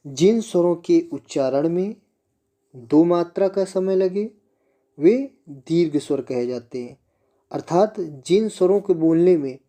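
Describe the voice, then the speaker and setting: A male teacher explains grammar rules step by step. His voice is very dark and mellow, and he speaks slowly, posing a question to the class and then giving the answer himself. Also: on the high side. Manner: slow, patient, asks the class questions and answers them himself. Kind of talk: classroom lesson on Sanskrit grammar.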